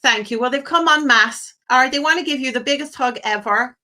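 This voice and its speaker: Her voice high, bright, and forceful, this woman briskly hosts a live psychic phone-in. She's effusive toward the caller, full of endearments and blessings, passing along messages as quoted asides.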